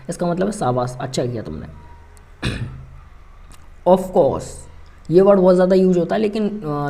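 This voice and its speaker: A man gives a relaxed, patient language lesson. His voice sits low and mellow. He drags each English phrase out slowly and repeats it before translating. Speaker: English teacher.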